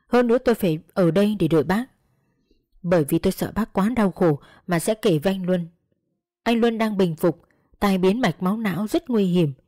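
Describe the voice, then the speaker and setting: A woman storyteller narrating a first-person tale in a steady, measured, earnest way. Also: on the low side, no room sound, studio quality.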